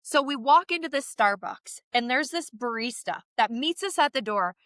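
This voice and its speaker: Canadian woman, podcast co-host, bright and slightly high voice, animated storyteller. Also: moderate pace, dry recording, studio quality. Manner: animated, vivid storyteller who acts out quoted voices. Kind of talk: candid conversational storytelling.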